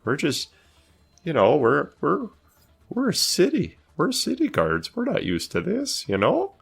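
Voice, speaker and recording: A man's voice: on the high side, wildly swooping pitch, a little slow, vocal fry, slightly rough, faint music behind, pitched above the performer's own voice, heavily acted. A man voicing an older city guard investigator in a tabletop game, folksy, squeamish and hesitant, repeating himself apologetically. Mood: uneasy, squeamish.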